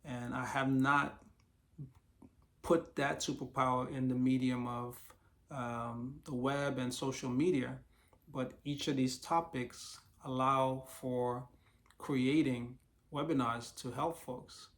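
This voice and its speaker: Man, gravelly voice, slightly hoarse, reflective, talks through a list of ideas, casual vlog, mid pitch. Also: fairly even intonation, slow pace. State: slightly hoarse, losing his voice. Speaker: YouTube creator sharing business ideas. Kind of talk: casual solo vlog monologue.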